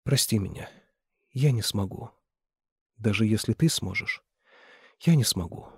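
A man voicing a distraught young woman who shouts and pleads in turn, his voice husky. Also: on the low side, animated, unhurried, no echo, studio quality, heavily acted. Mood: pleading.

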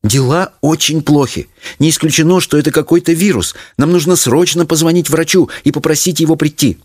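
A man voicing a fussy, anxious middle-aged mother in a storybook reading, in a shrill, scolding manner. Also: brisk, a little mellow, slightly rough, no room sound, studio quality. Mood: stern.

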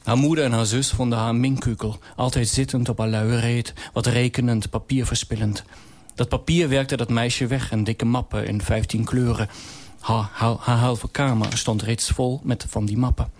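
A man reads a radio story aloud with dry irony. His voice sits mid-range and even. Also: medium pitch, normal speed.

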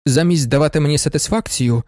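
A man's voice: fairly high pitch, fast, a little mellow, dry recording, studio quality, natural voice. A man voicing a proud young man who speaks formally with tight, pointed control in a storybook reading. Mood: stiff. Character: proud, tense young man standing up for his father.

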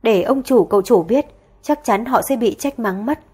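A young housemaid in an audio story, played by a woman narrator with a voice pitched well above her own and a little louder. She speaks with deference and worry, in a slightly breathy tone. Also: animated, normal speed. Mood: polite. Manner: polite, worried.

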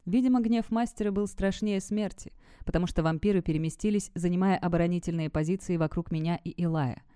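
A woman narrating a dark fantasy novel in first person, reading dramatically. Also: fairly low pitch, quick pace, smooth, no room sound, clean studio sound. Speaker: audiobook narrator. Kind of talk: fiction audiobook narration.

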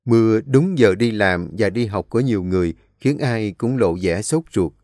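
A man narrating a story in a steady, even storytelling manner. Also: fairly low pitch, normal speed, dry recording, clean studio sound. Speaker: audiobook narrator. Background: faint background music.

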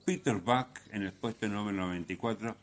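With a voice on the low side, this male radio host improvises commentary on his music show, stumbling along with plenty of pauses and self-corrections.

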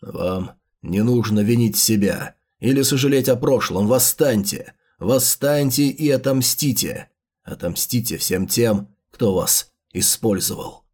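A man voicing a scheming villain in an audiobook, rousing followers to vengeance with slow, theatrical menace. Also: mid-range voice, darkish tone, husky, pitched below the performer's own voice. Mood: menacing, commanding. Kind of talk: dramatic audiobook character voice.

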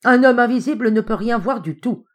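A woman reading an excitable young man who argues his point with eager, insistent triumph. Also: extremely high pitch, brisk, voice pushed up. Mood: triumphant. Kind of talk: audiobook character reading.

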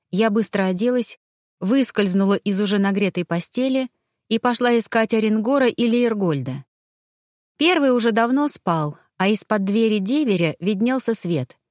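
Female narrator for a fantasy audiobook, even delivery, dry close sound, mid pitch. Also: no echo.

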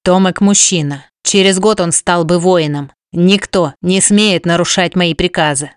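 A woman's voice: lowish voice, fairly even intonation, moderate pace, clear, resonant tone, dry recording, clean studio sound, natural voice. A woman voicing a stern male chieftain who speaks in curt, clipped commands.

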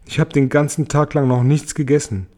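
A man voicing a sad young orphan boy who begs softly in a storybook reading. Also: on the high side, fairly even intonation, brisk, close to an everyday voice. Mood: pleading. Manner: soft begging.

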